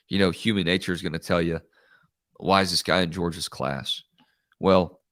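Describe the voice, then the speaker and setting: Male sports host, low baritone, congested and nose-pinched, conversational delivery, dry recording. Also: a bit bright, dry recording. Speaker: host of a live college football recruiting show. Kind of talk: live sports talk and commentary.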